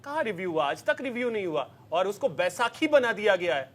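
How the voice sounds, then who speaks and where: A man's voice: high-pitched, big pitch swings, a little fast, a bit bright. A man anchoring a televised panel debate, steering speakers and pressing his own question.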